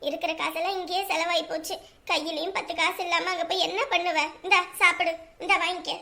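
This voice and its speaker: A woman's voice: very high-pitched, flat delivery, quick pace, vocal fry, bright, forceful tone, exaggerated voice. Fussing middle-aged mother, played by an actress. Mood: pleading. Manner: pleading, motherly. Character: caring village mother fussing over her son. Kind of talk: family drama acting.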